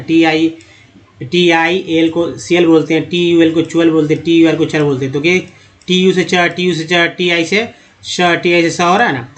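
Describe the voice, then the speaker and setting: A man teaching English pronunciation over a screen lesson. He talks slowly, spelling out letters and repeating words. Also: on the high side, a bit bright. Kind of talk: screen-based spoken lesson.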